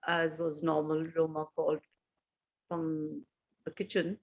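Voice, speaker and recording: An older woman with an Indian English accent tells a personal anecdote, pausing often and restarting her sentences. Her voice comes through a slightly muffled recording. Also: sits low, level tone, vocal fry. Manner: halting, anecdotal, frequent pauses and restarts. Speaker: guest. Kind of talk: casual storytelling conversation.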